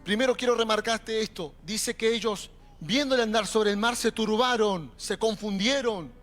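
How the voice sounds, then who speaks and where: A young adult man preaching a sermon in a Rioplatense accent, animated and calling out to the congregation. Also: sits high, normal speed. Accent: Rioplatense Spanish. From Argentina. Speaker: pastor. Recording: faint music behind.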